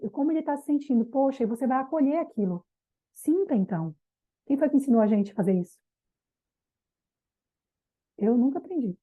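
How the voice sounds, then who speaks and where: Middle-aged woman, women's mentor, breathy and a touch high, plain-spoken with mild slang, thin phone-quality sound. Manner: casual and direct, addressing listeners, with mild slang. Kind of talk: motivational talk to a group. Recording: tinny phone-like audio.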